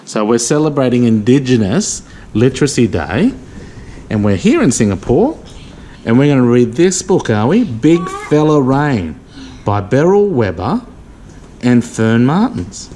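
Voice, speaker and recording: A parent with a very deep female voice reads a children's picture book to a small child in a living room, unhurried and measured yet lively in intonation. She mixes in casual chat and simple questions, and the home camera recording picks up some room noise.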